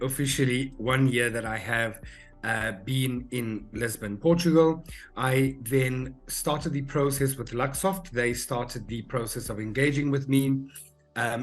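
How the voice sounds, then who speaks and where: A South African man in his forties speaks at a middle pitch in a podcast interview. He talks in a measured, reflective way, often pausing on ums and uhs. Soft music plays faintly behind him. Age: 40s. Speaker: corporate recruitment manager.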